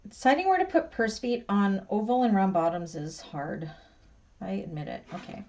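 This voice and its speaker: A woman's voice: medium pitch, normal speed, darkish tone. A woman teaching a live bag-making class, chatty and self-deprecating, talking to herself as she works. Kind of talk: live class instruction while sewing. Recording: slightly dull lo-fi with faint noise.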